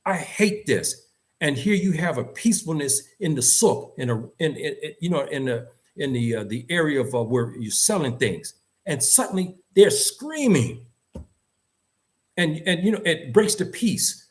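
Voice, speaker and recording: A fairly high-pitched, expressive American man from the United States, a host and commentator, talks at a normal speed. His unscripted, opinionated delivery is emphatic and insistent, and he repeats phrases for stress.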